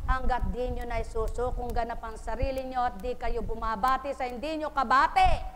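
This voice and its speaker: A woman's voice: a little high, steady tone, moderate pace, a bit bright. A woman preaching a sermon, asking her congregation rhetorical questions and acting out everyday gossip to make her points. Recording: live stream with long hall reverb and faint noise.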